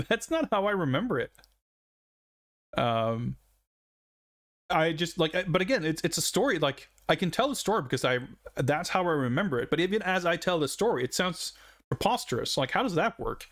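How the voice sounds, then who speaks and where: This man in his forties, Swedish by birth and native tongue, rambles reflectively during casual live-stream chat on a game stream, often chuckling. He speaks at a moderate pace in a voice that is a little high, a bit bright, and very animated.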